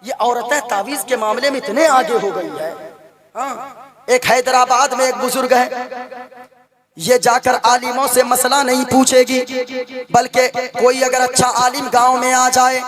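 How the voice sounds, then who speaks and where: High-voiced male preacher telling a story. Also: measured pace, crowd noise. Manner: storytelling, animated, calling out to the audience. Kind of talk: storytelling sermon. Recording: music playing under the voice.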